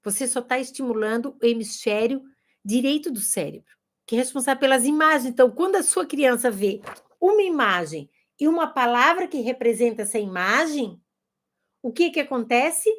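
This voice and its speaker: A woman's voice: high-pitched, lively intonation, normal speed. A woman giving a casual video lesson to teachers, demonstrating games to the camera and sounding out words. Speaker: teacher and educator. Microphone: camera facing her.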